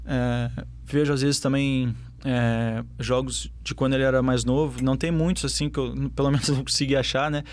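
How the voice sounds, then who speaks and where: This footballer guest is a young man whose southern Brazilian accent comes through as he answers interview questions in a relaxed way, full of fillers and restarts. His pitch is medium and his tone steady, at a normal speed with hardly any pauses.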